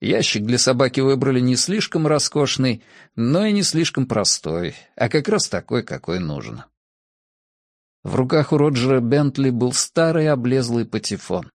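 A man narrating a story in an expressive audiobook reading. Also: mid-range voice, moderate pace, no echo. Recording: dry close studio sound.

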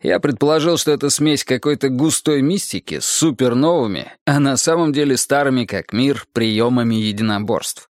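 A man reading a novel aloud in a measured, dry and wry way. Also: medium pitch, animated, no room sound. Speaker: audiobook narrator. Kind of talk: scripted narration.

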